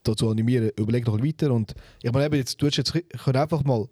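A man's voice: mid-range voice, rapid-fire, darkish tone, dry recording, clean studio sound. Earnest Swiss German man making a point. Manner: earnest, reasoning, arguing a point. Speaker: podcast co-host. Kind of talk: casual chat.

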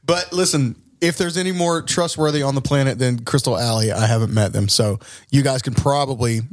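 A man's voice: medium pitch, brisk. A man hosting a podcast, talking in an easygoing, chatty way with lots of fillers. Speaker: podcast host. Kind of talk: casual chat.

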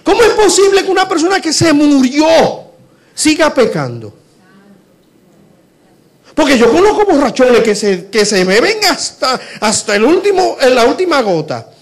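A man preaching a sermon, asking rhetorical questions and swinging between loud emphasis and hushed lines. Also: very high voice, sing-song, moderate pace.

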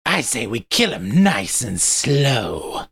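A man voicing a cruel male werewolf who speaks slowly and menacingly. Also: medium pitch, very animated, gravelly, a bit bright, husky, voice pushed up, full character voice.

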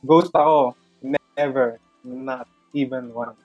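A man's voice: medium pitch, fairly even intonation, takes it slowly, dry recording, dull audio, faint music behind. A young man with a Filipino accent chatting casually, slipping between Tagalog and English. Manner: mixes Tagalog and English in mid-sentence. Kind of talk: casual banter among friends.

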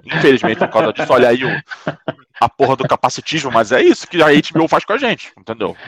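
A man's voice: quick pace, a crowd in the background. A Brazilian man chatting casually and profanely about a TV series, often exasperated. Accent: Brazilian Portuguese. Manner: animated, profane, jumps up in pitch when exasperated.

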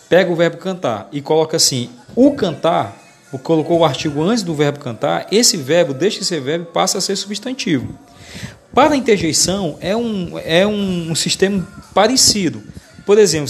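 Man, teacher, gravelly, patient step-by-step explanations. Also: fairly high pitch. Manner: explanatory, repeats and restarts words, checks in with "tá?". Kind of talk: classroom grammar podcast.

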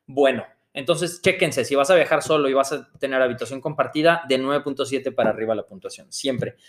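A man's voice: mid-range voice, fairly quick. A man with a Mexican accent co-hosting a podcast, chatting casually and telling stories with lots of slang. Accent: Mexican Spanish. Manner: slangy, animated storyteller. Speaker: podcast co-host. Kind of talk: casual travel chat.

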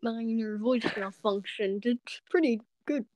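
A girl voicing Josh, a boy with a mechanical voice box, who answers in flat, matter-of-fact lines in an amateur audio drama. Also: a little high, a little slow, dry recording, lightly acted. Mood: deadpan.

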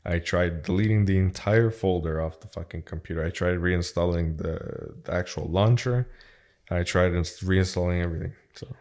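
A man's voice: sits low, normal speed, darkish tone. A man hosts a casual podcast. He talks like one of the bros, full of slang and loose swearing. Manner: slangy, swearing, bro-like banter. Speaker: podcast host.

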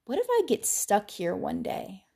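A woman voicing a young man in a short story, asking sharp, demanding questions that grow panicked. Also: medium pitch, wildly swooping pitch, measured pace, vocal fry, husky, heavily acted. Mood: wondering.

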